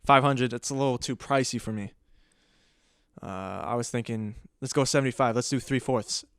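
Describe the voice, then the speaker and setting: A man's voice: mid-range voice, fairly even intonation, normal speed, fairly bright tone, clean tone, dry recording, clean studio sound, natural voice. A young man playing a pushy, swearing pawnbroker who haggles bluntly.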